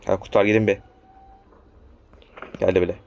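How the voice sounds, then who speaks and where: A man's voice: deep voice, flat delivery, moderate pace, gravelly, darkish tone, highs cut off. A young man casually commenting on a horror game as he plays, urging the characters on and scolding the enemy. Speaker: gameplay commentator. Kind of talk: casual let's-play commentary.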